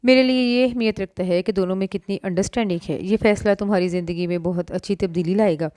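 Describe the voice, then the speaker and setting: A woman's voice: mid-range voice, fast talker, dark tone, no echo, clean studio sound, close to an everyday voice. A woman voicing a middle-aged mother who speaks frankly and teasingly. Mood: gentle.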